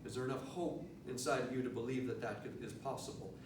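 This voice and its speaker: A man's voice: fairly even intonation, fast talker. A man giving an earnest, emphatic motivational lecture to students, leaning on rhetorical questions. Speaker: motivational speaker, teacher addressing students. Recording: echoey room, distant mic, low rumbling noise.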